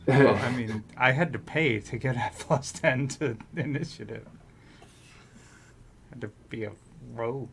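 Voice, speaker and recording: A man with a mid-range voice banters as a tabletop game player. He is casual and sarcastic, quick to wisecrack, and there is some noise behind him. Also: mid-range voice. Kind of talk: casual joking chat. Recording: noticeable background noise.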